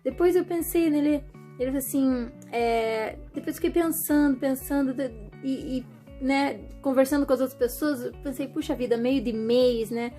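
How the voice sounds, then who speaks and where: A woman talking to her viewers in a chatty, animated way, often acting out what other people say. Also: high-pitched, moderate pace, soft background music. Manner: chatty, animated, acts out quoted voices. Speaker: vlogger. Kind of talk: casual monologue to camera.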